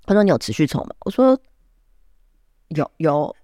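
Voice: medium pitch, racing, no room sound, studio quality. A podcast co-host with a Taiwanese Mandarin accent, telling a story in casual chat. They laugh often and slip into acted voices when quoting people. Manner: animated storyteller, laughs often, many "then" restarts; quotes others in acted voices.

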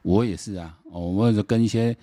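Low, mellow-voiced Taiwanese man rambling. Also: fast talker, no room sound, studio quality. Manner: rambling, repeats words, switches into Taiwanese Hokkien, mocking rhetorical questions. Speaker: political commentary podcast host. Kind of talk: casual solo political commentary.

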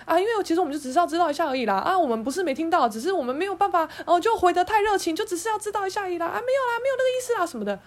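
A woman voicing a flustered, fawning female school staffer who backpedals in a high, rapid whine. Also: animated.

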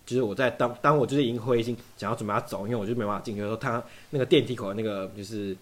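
A man's voice: on the low side, steady tone, rapid-fire. A young man from Taiwan telling a long story in casual chat, acting out both sides of every exchange. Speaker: podcast guest.

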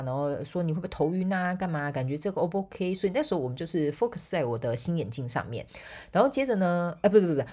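A woman's voice: low-pitched, darkish tone, slightly rough. A woman from Taiwan with a Taiwanese Mandarin accent, hosting a solo podcast and telling a story in a chatty way, laughing often and groping for words. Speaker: podcast host and motivational speaker.

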